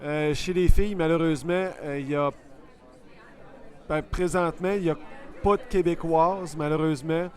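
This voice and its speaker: A man's voice: a little high, fairly even intonation, brisk, a little mellow, a faint crowd. A man with a Quebec French accent doing casual, chatty, self-deprecating live-stream sports commentary.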